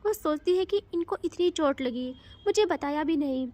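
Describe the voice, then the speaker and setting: A woman voicing a tender-hearted young wife who fires off pleading, rapid questions. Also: high voice, expressive, dark tone. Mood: hurt.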